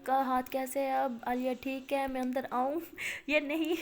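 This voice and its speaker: A woman voicing a polite, firm middle-aged uncle, in her own high voice. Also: flat delivery.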